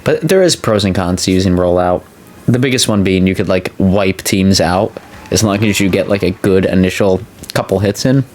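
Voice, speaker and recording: A man's voice: sits low, moderate pace, a little mellow, slight background noise. A man giving casual video game commentary, talking a little carefully with a sore mouth after having a wisdom tooth out. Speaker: video game let's player. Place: indoor voice-over recording.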